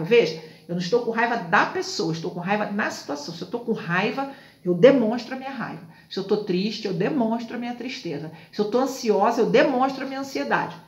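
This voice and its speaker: A woman's voice: fairly high pitch, roomy sound. A woman hosting a casual self-help talk, chatty and loose, often ending her lines with little tag questions. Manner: chatty, fills lines with tags like "tá?" and "né?". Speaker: self-help video host. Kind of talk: casual talk on a book chapter.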